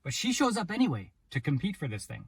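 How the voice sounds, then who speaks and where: A man's voice: fairly high pitch, huge pitch swings, quick pace, gravelly, breathy edge, dry recording. A man co-hosting a casual movie review chat, telling the story in a loose, rambling way. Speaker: podcast co-host.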